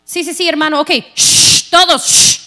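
A harried husband takes a phone call and loudly hushes everyone around him, acted out by a woman preacher. His speech is quick and clipped, with lots of repeated shushing. The voice sits fairly high. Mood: flustered. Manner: loud, hurried, repeated hushing.

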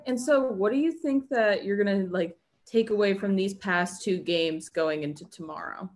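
A woman's voice: medium pitch, normal speed. A young woman, a student reporter, asking a coach questions hesitantly with fillers. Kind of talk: press conference question.

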